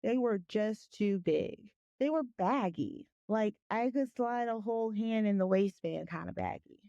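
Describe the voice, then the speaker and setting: A woman's voice: medium pitch, measured pace, warm tone, no echo, muffled recording. A woman hosting a podcast in a casual, chatty way, encouraging and effusive with her praise. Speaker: podcast host.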